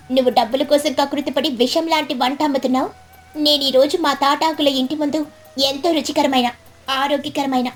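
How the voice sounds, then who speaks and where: A woman's voice: sits high, lightly acted. A woman doing a fierce, protective mother sparrow. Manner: firm, indignant.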